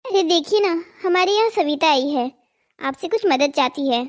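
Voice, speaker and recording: A woman's voice: very high-pitched, expressive, moderate pace. A woman voicing a wealthy, condescending village wife in a cartoon drama. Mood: teasing. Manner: teasing, condescending.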